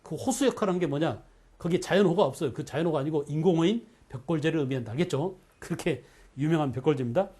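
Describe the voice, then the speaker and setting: A man teaching an exam-prep history lecture, animated, constantly checking in with students through quick questions. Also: a little high, breathy edge. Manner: animated, asks the class frequent quick questions.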